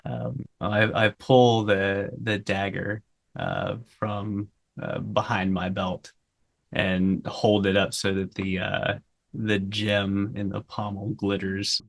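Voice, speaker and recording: A male player in a tabletop game, describing his moves haltingly and with pauses. His voice is low and gravelly, and he speaks slowly. The sound is dry. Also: fairly even intonation, dry recording. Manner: hesitant, halting. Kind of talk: tabletop roleplay narration.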